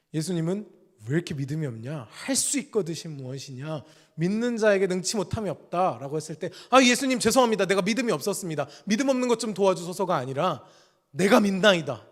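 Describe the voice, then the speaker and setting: A man preaching a sermon in earnest, swinging between loud emphatic lines and quiet low asides. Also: in a large hall. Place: church sanctuary.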